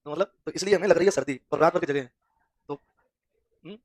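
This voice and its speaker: A man teaching maths to a class, talking quickly and pitched high. He keeps quizzing the room with repeated questions and slips in homely jokes. The sound is close and dry, with little room echo. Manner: quizzing students with repeated call-and-response questions; folksy, teasing classroom humor.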